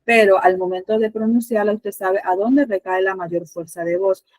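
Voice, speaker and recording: A woman's voice: mid-range voice, expressive, normal speed, a little mellow, no echo, poor audio. A Spanish teacher with a Panamanian accent, a woman, patiently asking her students questions with many fillers.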